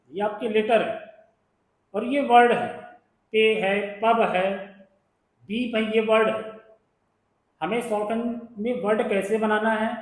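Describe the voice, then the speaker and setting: A man's voice: sits high, roomy sound, rough recording. A man from India teaching shorthand in a patient lesson, repeating sounds and asking his students questions. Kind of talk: classroom-style lesson explaining strokes.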